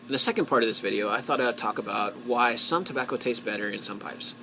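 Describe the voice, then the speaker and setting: An American man talking casually to his viewers as a hobby vlogger, in a halting way, thinking aloud with drawn-out pauses. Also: mid-range voice, creaky, noisy background. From United States. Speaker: pipe-hobby vlogger and host. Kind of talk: casual solo talk to viewers.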